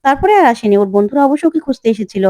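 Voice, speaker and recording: A woman's voice: high-pitched, lively intonation, racing, mellow, no echo. A woman voicing a heartbroken young woman who is wistful and resigned, speaking in a plaintive, pleading way.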